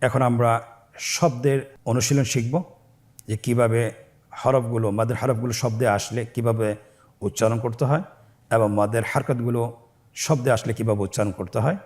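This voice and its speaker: A man teaching Quran reading, spelling out letters and syllables slowly for listeners to repeat after him, stretching each joined word. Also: mid-range voice, steady tone, a little mellow. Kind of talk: slow recitation lesson with call-and-repeat drills.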